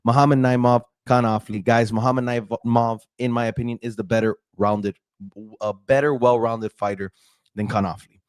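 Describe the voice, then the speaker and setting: Man, young adult, casual fight-picks host, animated, stumbles on names, dry close sound. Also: medium pitch, moderate pace, smooth, no room sound. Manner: chatty, animated, addresses viewers as guys; restarts and stumbles over names. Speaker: MMA fight predictions host.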